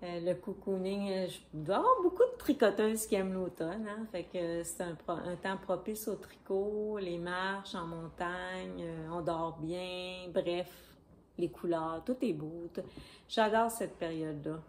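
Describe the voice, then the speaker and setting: A woman's voice: fairly low pitch, unhurried, a little hiss or hum. Chatty Québécois woman with knitting talk. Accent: Québécois French. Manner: chatty, rambling, self-correcting, glances at notes. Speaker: knitting podcast host. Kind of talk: casual video podcast talk. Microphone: camera on a stand.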